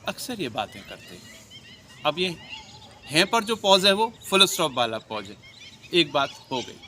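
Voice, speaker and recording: A man explains voice and diction in a casual acting lesson, his pitch on the higher side and swinging a lot. He demonstrates sounds and lines with clear shifts in loudness. The recording is noisy, with outdoor ambience and birdsong. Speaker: acting teacher.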